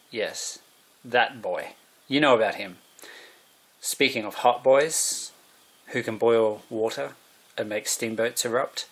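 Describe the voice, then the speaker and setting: A man rambles to camera in a loose, musing monologue. He drifts between thoughts and stops to correct himself. His voice sits at an everyday mid pitch. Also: fairly bright tone. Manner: musing, meandering, self-correcting. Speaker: vlogger.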